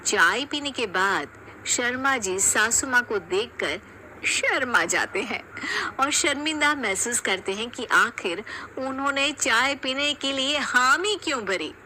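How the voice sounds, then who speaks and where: A woman narrating a cartoon story in a steady storytelling way. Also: on the high side, slow, slight background noise, rough recording.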